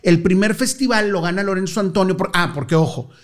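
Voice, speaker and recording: A middle-aged man with a Monterrey accent, a guest telling stories in an animated, slangy way and laughing easily. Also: high voice, fairly quick. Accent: northern Mexican, Monterrey. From Monterrey, Mexico. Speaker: interview guest. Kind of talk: casual storytelling interview.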